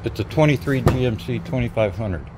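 Outdoors by an open truck cab, a middle-aged DIY video maker walks through a hands-on how-to in a casual, folksy, hesitant and unscripted manner. His medium-pitched voice is animated and fairly quick, with clear outdoor ambient noise around him.

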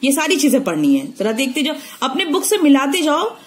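A woman's voice: sits high, sing-song, fairly quick. A woman chemistry teacher walks students through a syllabus, repeating key points and checking in often. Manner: explanatory, repeats key points, frequent "theek hai" check-ins. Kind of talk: online syllabus lesson.

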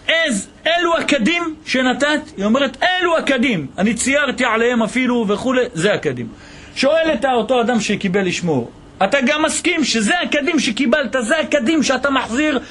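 High-voiced rabbi telling a lively story. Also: male voice. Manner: animated storytelling, voicing the people in the tale. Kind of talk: Torah lesson storytelling.

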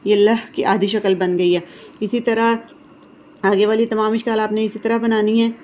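A woman's voice: mid-range voice, little pitch movement, darkish tone, slight background noise. Patient woman teaching children letter sounds. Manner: patient, repeats letter sounds slowly, checks in with "theek hai". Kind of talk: recorded online lesson for young children.

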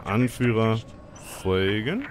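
A man's voice: lowish voice, very animated, slow pace, noisy background. A man giving casual let's play commentary, thinking aloud and exclaiming as he reacts to the game. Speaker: let's player. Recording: game music behind commentary.

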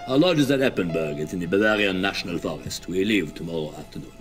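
Casting: smooth, dodging club gentleman, lively intonation. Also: sits low, quick pace, soft background music. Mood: evasive. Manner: smooth, evasive, hedging. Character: evasive German hunting-club gentleman.

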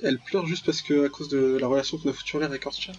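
A young gaming video host talks very fast in a medium-pitched, slightly mellow voice, offering casual, jokey, mock-dramatic commentary as he plays a visual novel. He mutters asides and reads the on-screen text aloud. His voice track sounds dull and lo-fi, sitting over clear music.

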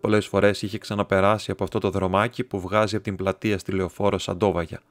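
Man, audiobook narrator, measured storytelling, lowish voice, faint music bed. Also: level tone. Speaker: audiobook reader. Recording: soft instrumental music underneath.

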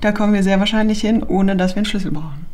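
A woman's voice: mid-range voice, very fast, a little mellow. Chatty woman in her late twenties. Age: 20s. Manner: chatty, laughs often, many fillers. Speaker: documentary interviewee. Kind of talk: casual interview chat. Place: cinema auditorium.

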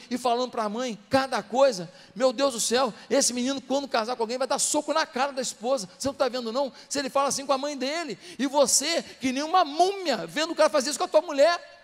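A man's voice: very high voice, a little fast, in a large hall. A man preaching a sermon as pastor in a church, full of passionate rhetorical questions to the congregation.

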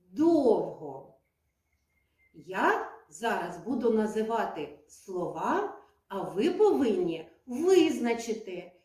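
A woman kindergarten teacher giving a lesson to young children, speaking slowly and clearly in a sing-song teacherly way. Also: fairly high pitch, warm tone. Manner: slow, clear, sing-song teacherly speech with drawn-out words. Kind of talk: preschool lesson addressed to children. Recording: echoey room, voice from a distance.

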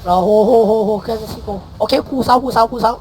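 A man calling shots in a game battle, barking rapid repeated commands and countdowns, mixing English callouts into his speech. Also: high-pitched, a little mellow, faint music behind, low-quality recording. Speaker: guild war shotcaller. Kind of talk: live game commands over voice chat.

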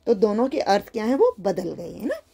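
A woman's voice: mid-range voice, huge pitch swings, fairly quick, vocal fry, warm tone, husky. A woman teacher patiently explaining a school worksheet to young children, often repeating and rephrasing her points.

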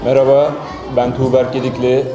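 A man's voice: medium pitch, completely flat delivery, moderate pace, lo-fi sound. A man in his twenties from Turkey, an athlete introducing himself at a panel with a handheld microphone. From Bursa, Turkey. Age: 20s. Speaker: basketball player. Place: school auditorium. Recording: echoey hall, audience noise.

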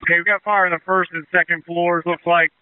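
A male fire incident commander issues urgent, clipped orders over two-way radio. The voice is clean and a bit high, dry, squeezed into a narrow radio band. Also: flat delivery, quick pace, smooth. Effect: two-way radio transmission. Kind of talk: emergency radio traffic, giving orders.

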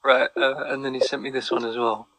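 A man calmly taunting and mocking an angry player while he narrates a prank over voice chat. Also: mid-range voice, fairly quick, rough recording. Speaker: gamer, prankster. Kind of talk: casual commentary over voice clips.

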